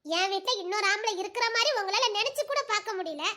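A woman's voice: very high-pitched, expressive, fast, bright, forceful tone, heavily acted. A woman playing a hurt young village wife who speaks sharply and bitterly to her husband. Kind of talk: audio drama acting.

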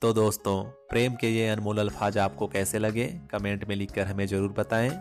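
Male host reading love poetry: deep, flat and unhurried, measured and solemn, scripted. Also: soft background music. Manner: slow, measured, solemn delivery. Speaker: channel host and poetry reciter.

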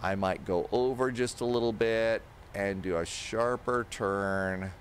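A man's voice: fairly low pitch, unhurried. A man in his sixties giving casual instructional commentary on a flight simulator, talking himself through each step at a close microphone. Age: older, 60s. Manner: talks himself through steps aloud. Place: indoor home streaming setup. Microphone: close desk microphone. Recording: steady aircraft engine noise behind. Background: simulated aircraft cockpit and engine noise.

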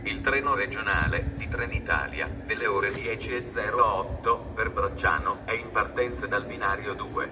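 A man giving a formal, measured, automated train station announcement over loudspeakers on an outdoor railway platform. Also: fairly low pitch. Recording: distant echoey station PA, loud train noise. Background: trains and station ambience.

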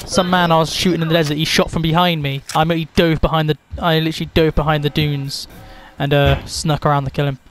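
A fast-talking young man with a fairly high-pitched voice hosts a gaming video, swearing heavily and laughing as he chats casually about the game. He gets loud and excited, and gunfire from the game can be heard behind him.

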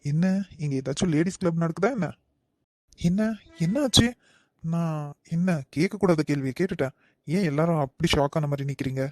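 A man's voice: on the high side, fairly quick, long pauses, no echo, studio quality, natural voice. A man voicing an easygoing, teasing young man in a family cartoon, speaking with a Kanyakumari Tamil accent. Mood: calm, teasing. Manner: calm, brushes off worry. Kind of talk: cartoon voice acting.

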